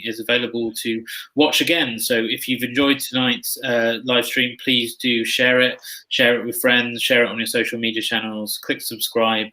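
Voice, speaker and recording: A man's voice: medium pitch, pushed and bright, poor audio. A man hosting and moderating a live-streamed panel, polite and hesitant, with many fillers and repeats. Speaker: event host and moderator.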